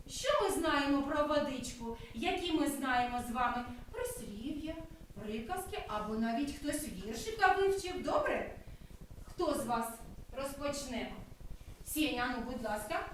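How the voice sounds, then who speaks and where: A kindergarten teacher, a woman with a high, very lively voice, tells a story to small children in a sing-song, drawn-out way. She is heard from across a very echoey classroom, a little distant from the mic. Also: a little hiss or hum. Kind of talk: telling a story and leading a lesson for preschool children.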